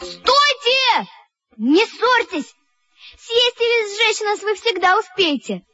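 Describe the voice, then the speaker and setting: A man voicing a bold, cheerful little girl in an audio storybook, shrill and excited. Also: slow pace, lo-fi sound, music in the background, heavily acted. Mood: eager.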